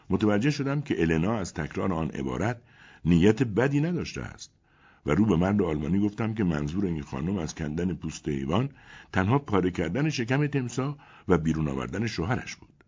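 A man narrating a story in an expressive, dramatic reading. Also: rumbling low, breathy edge, lo-fi sound. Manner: expressive, rising and falling storytelling. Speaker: audiobook narrator.

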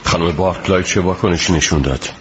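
An actor playing a shrewd male detective who questions a witness in a calm, measured, courteous way, in a radio drama dub. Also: deep voice, slight background noise, close to an everyday voice. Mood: probing, courteous.

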